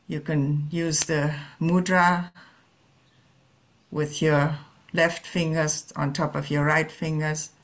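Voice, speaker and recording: A woman with a low-pitched voice leads a guided meditation as a Zen teacher. She speaks gently and permissively, in halting phrases separated by long pauses.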